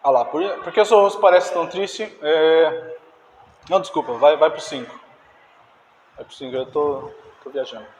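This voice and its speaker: A man preaching a sermon in an animated way, acting out dialogue and directing the slides. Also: fairly high pitch, moderate pace, pauses often, slight background noise. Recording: distant reverberant church hall.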